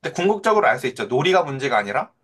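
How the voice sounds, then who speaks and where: A man's voice: mid-range voice, very fast. A middle-aged male pastor preaching in a conversational way, asking his listeners questions and acting out the voices in his stories. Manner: animated, acts out quoted voices of children and Jesus. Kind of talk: sermon.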